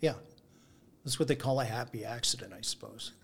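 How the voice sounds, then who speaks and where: A man's voice: mid-range voice, a little fast, gravelly, husky. A man, an artist guest on a radio show, speaking modestly and with hesitations.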